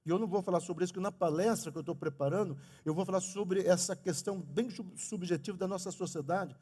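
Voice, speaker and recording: A middle-aged man preaching a lively sermon as pastor in a church, speaking to the congregation. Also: sits high, quick pace, slightly rough. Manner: animated preaching, talks of his own stutter. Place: church sanctuary. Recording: long reverb of a church hall.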